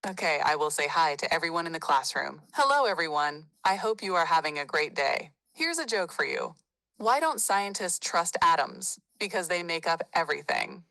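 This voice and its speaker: A synthetic female assistant voice, bright and even, answering helpfully. The delivery is polite and smooth, with a dry close sound. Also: deep voice, moderate pace, no echo, low-quality recording.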